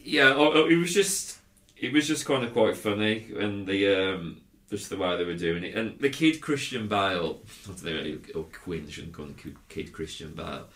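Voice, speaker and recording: A man co-hosting a film podcast, talking in a rambling, animated way and laughing often. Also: deep voice, normal speed. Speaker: podcast co-host. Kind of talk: casual film review chat. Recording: roomy echo.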